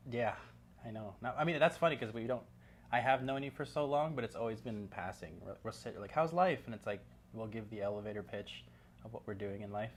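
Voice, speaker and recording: A man's voice: on the low side, steady tone, fairly quick. A man in his thirties from Canada, chatting loosely as a guest, with lots of "like" and restarts. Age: 30s. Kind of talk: casual interview chat.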